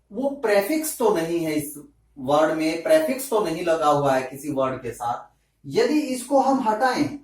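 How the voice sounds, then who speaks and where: Slow, echoey male grammar teacher. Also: high-pitched, a little mellow. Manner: rhetorical questions, answers them himself; slow, deliberate explaining. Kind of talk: classroom lesson in Hindi. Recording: echoey room, mic at a distance.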